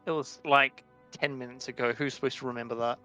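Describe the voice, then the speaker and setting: A man's voice: mid-range voice, fairly even intonation, brisk, sharp tone, soft background music. A man narrating as dungeon master, with a loose, casual manner full of fillers. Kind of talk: narrating a tabletop game.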